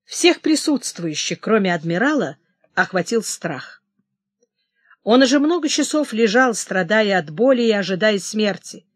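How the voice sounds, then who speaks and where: A woman's voice: mid-range voice, measured pace, no echo. Woman narrator, historical audiobook, dry close sound. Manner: steady dramatic reading. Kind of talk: scripted narration.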